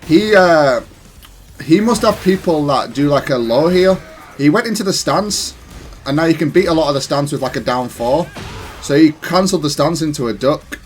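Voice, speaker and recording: With music playing behind him, a man breaks down his own gaming match, casually analyzing his decisions and occasionally self-correcting. His voice is on the high side and expressive, at a moderate pace.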